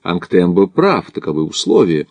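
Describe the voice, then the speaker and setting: A man's voice: low voice, huge pitch swings, normal speed, vocal fry, darkish tone, no room sound, exaggerated voice. A man voicing a skeptical, cautious male doctor who climbs as an amateur, wry and guarded. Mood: wary.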